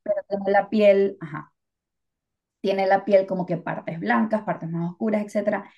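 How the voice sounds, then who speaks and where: A Venezuelan co-host speaks at a measured pace in a steady, mid-range voice, and the audio is dull. The podcast conversation is casual, with chatty reflection and frequent fillers.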